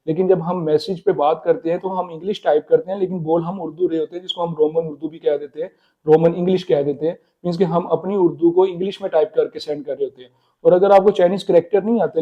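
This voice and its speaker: A man explaining Chinese pronunciation in a casual spoken lesson, repeating words slowly. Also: a little high, lo-fi sound. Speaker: Chinese language teacher.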